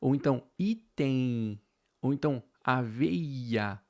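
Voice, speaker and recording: A man's voice: mid-range voice, expressive, slow pace. A man with a Brazilian Portuguese accent teaching an online grammar lesson, explaining step by step and often checking in with tag questions. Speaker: exam-prep teacher.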